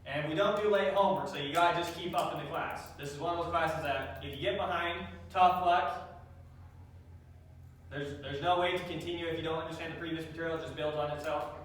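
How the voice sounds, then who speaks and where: A man's voice: on the high side, steady tone, fairly quick, a bit bright, a little hiss or hum. Echoey far-off male math teacher. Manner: dry joking, quizzes the class. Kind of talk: classroom lecture. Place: classroom. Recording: echoey classroom taped from far off.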